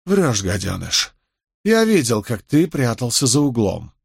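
A man voicing a drunk, furious older male orphanage master who shouts and wheezes threats in an audiobook. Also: medium pitch, big pitch swings, a little slow, gravelly, slightly rough, dry recording, studio quality, full character voice. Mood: slurred menace.

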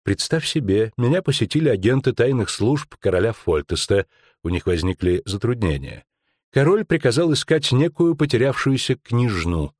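A man's voice: medium pitch, sing-song, darkish tone, breathy edge, dry recording, clean studio sound. A man playing a sardonic, lecturing lawyer. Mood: explaining. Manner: sardonic, lecturing, drawn-out emphasis. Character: shrewd ironic middle-aged male lawyer-investigator. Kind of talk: audiobook acting.

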